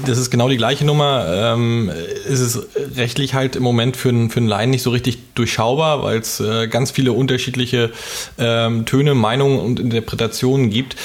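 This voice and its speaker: A man with a mid-range voice weighs a topic on a podcast, pausing and restarting as he goes. He sounds careful and considered rather than polished. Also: medium pitch, fairly even intonation. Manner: hesitant, many "ähm" fillers and restarts. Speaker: podcast co-host. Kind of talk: casual podcast discussion.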